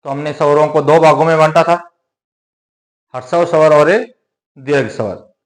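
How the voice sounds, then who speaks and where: A man with a fairly high voice teaching a grammar class. He asks questions aloud and answers them himself, repeating key terms. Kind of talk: classroom-style lesson.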